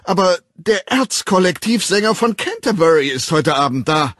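A man reading an audiobook voices an anxious, high-strung young man who pleads loudly and shrilly. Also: lively intonation, moderate pace, no room sound, studio quality. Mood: desperate pleading.

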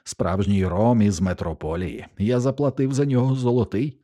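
A man playing a drunken, gushing young nobleman, high-pitched. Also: moderate pace, warm tone, close to an everyday voice. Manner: gushing, effusive, tipsy.

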